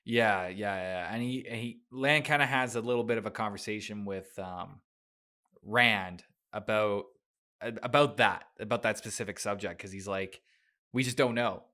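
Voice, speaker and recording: A young adult man hosting a casual book podcast, chatty and loose, laughing often, his throat dry so he keeps clearing it. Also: lowish voice, normal speed, pushed and bright. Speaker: podcast host.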